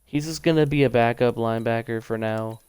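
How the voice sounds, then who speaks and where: A man's voice: medium pitch, darkish tone, smooth, no echo. Young man streaming, casual rambling talk. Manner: rambling, thinks aloud, quick bursts. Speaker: livestreamer. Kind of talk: casual gaming commentary.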